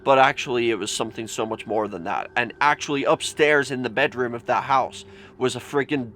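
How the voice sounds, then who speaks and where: A man's voice: mid-range voice, a little fast, a bit bright. A man telling scary stories in a casual, informal vlog style, with lots of filler "like". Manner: informal, mild swearing, frequent "like". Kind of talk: casual spoken storytelling. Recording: clearly noisy with background ambience.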